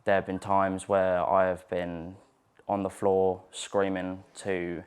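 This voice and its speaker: A man's voice: low-pitched, monotone, takes it slowly, a little mellow, clear, resonant tone. A man in his twenties speaking hesitantly and reflectively in a personal interview. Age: 20s. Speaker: student society welfare rep.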